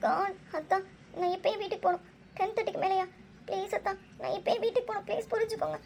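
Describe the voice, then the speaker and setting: A woman's voice: very high voice, fairly even intonation, fast, darkish tone, slight background noise. A woman voicing a tearful young woman in a cartoon who keeps pleading to go home. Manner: pleading, crying.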